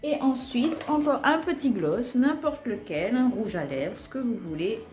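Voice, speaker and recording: A woman's voice: on the high side, lively intonation, a little slow, a little mellow. Chatty Alsatian woman in echoey room. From Alsace, France. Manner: chatty, frequent fillers, talks while applying makeup. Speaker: beauty vlogger. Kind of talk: casual makeup tutorial.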